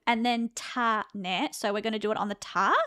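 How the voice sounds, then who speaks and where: A woman's voice: medium pitch, steady tone, moderate pace, a bit bright. A woman in her thirties with an Australian accent, chatting casually with her stream chat, laughing often and restarting her sentences. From Victoria, Australia.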